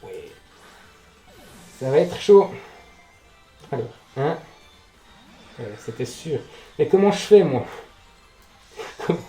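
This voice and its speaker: A man doing casual let's play commentary, reacting out loud, swearing and talking to the game. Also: a little high, animated, slow pace, pauses often. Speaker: gaming video host. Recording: roomy echo, game music behind. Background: game music.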